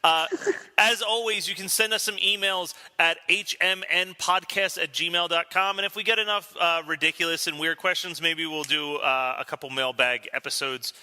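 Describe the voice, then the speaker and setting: Podcast host, male, very bright forceful tone, slightly high, reverberant room. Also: steady tone, normal speed. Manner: laughing, loose sign-off patter. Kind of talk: casual chat.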